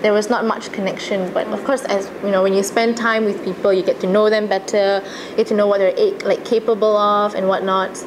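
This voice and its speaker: Talking a little fast with few pauses, this young adult Malaysian-accented woman keeps a level tone and medium pitch. She chats earnestly about what she has lived through, in the style of a casual interview, over noticeable background ambience.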